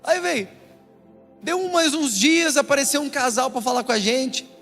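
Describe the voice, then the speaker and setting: A young pastor from Brazil with a high voice, preaching through a comic story in an animated way. His words ring out in a church hall with long reverb. Soft music plays underneath. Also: moderate pace. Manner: animated, keeps calling the listener brother. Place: church auditorium.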